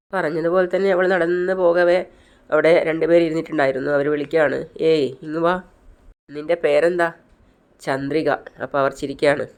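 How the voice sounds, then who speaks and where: A man's voice: a little high, clean tone. A man casually retelling a film's plot to his subscribers. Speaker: storyteller vlogger. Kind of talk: retelling a film story.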